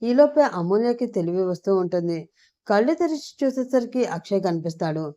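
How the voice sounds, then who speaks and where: A woman narrating an audio story in a steady, plain way. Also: mid-range voice, brisk.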